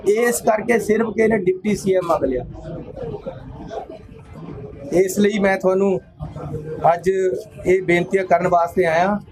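A man's voice: high-pitched, unhurried, long pauses, a crowd in the background, poor audio. A man with a Punjabi accent giving a political speech, scornful of rivals and appealing to his listeners. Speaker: politician addressing a crowd.

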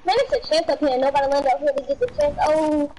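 A man voicing an excitable young boy playing a game with a friend, stammering as he talks, in a comedy skit. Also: very high-pitched, fast talker, slight background noise, poor audio. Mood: excited.

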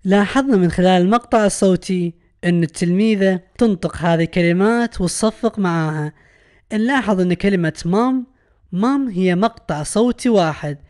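A man's voice: high voice, darkish tone. Male teacher, Iraqi Arabic accent, patient, repeats and translates words. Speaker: English teacher. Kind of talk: recorded classroom lesson explanation.

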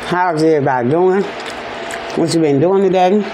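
Slow-talking man chewing while he chats. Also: on the high side. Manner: relaxed, chatty, addresses viewers directly. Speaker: mukbang host. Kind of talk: casual eating-show chat. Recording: noisy room with a loud fan.

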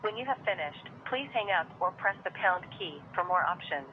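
Woman's automated voicemail prompt over a phone line. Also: lowish voice. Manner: even, measured instructions. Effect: heard over a landline phone. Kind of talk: recorded automated phone menu. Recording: tinny phone line with faint hiss.

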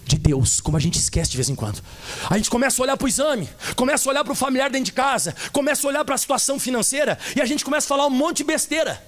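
Animated high-voiced Brazilian preacher. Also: male voice, racing. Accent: Brazilian Portuguese. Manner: animated preaching, quizzing the congregation. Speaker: pastor. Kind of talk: sermon. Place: church service.

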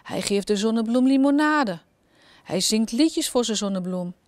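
A woman from the Netherlands telling a children's story in a gentle, expressive way. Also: on the high side, normal speed, dry recording.

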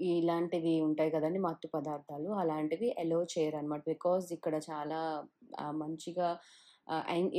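Low, mellow-voiced woman vlogging on a walk. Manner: chatty, mixes English words into her speech, filler "ahh". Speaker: travel vlogger. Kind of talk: casual walking-tour narration. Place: outdoors along a riverside town walk.

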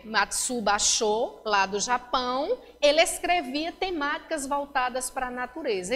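Brazilian woman teacher, highish voice, explains step by step and keeps asking "ok?", kinda echoey room. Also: sharp tone, slight background noise. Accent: Brazilian Portuguese. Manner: explanatory, checks in with frequent tag questions. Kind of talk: recorded classroom lesson.

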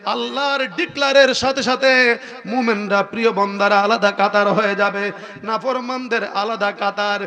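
A man's voice: high voice, fairly even intonation, moderate pace, sharp tone. A middle-aged man preaching an impassioned waz sermon in a tearful, wailing sing-song that rises into cries. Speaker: Islamic preacher.

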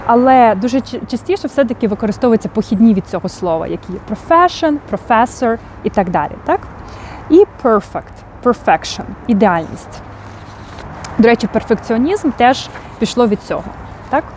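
A woman's voice: fairly high pitch, big pitch swings, moderate pace, darkish tone, a little hiss or hum. A woman with a Ukrainian accent teaching English vocabulary, explaining patiently and often checking in with "так?". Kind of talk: vocabulary lesson.

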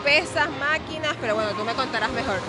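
High-voiced woman reporter in a noisy hall. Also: fast. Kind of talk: trade fair interview. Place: large exhibition hall at a fitness fair. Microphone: handheld reporter mic. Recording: loud music and crowd noise in hall.

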